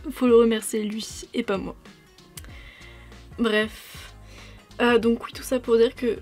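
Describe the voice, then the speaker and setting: A woman's voice: fairly high pitch, darkish tone. Chatty woman with music behind. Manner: chatty, rambling, with frequent fillers. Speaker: beauty vlogger. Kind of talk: casual chat to camera. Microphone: new proper microphone.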